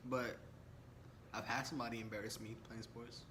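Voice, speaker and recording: A young adult vlogger tells stories in a relaxed, slangy way, drifting off topic and laughing often during a casual story-time chat. His medium-pitched voice moves at normal speed, with steady background noise in the room.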